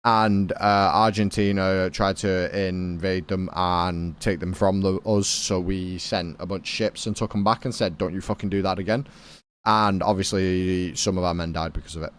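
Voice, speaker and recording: This British gamer keeps up a casual chat with his live audience, rambling and cursing freely as he streams. His voice is low with fairly even intonation, moving at a moderate pace with hardly any pauses.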